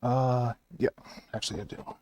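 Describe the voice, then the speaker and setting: A man's voice: mid-range voice, little pitch movement, moderate pace, a little mellow, slight background noise. A middle-aged man working as a shopkeeper, chatting casually with customers. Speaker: shop owner or clerk streaming.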